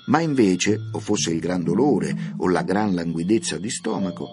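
A man narrating a classic children's tale with expressive, lively storytelling intonation. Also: low-pitched, normal speed.

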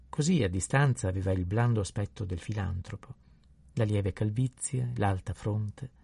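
A man calmly narrating a novel in an unhurried reading voice. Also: on the low side, gravelly, breathy edge, no echo. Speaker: audiobook narrator.

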